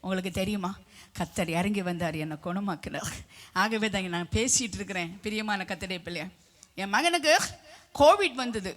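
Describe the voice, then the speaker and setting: A middle-aged woman preaching a testimony sermon with fervor, swelling into loud emphatic declarations and sometimes singing hymn lines. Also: mid-range voice, animated, a little fast. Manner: breaks into sung hymn lines.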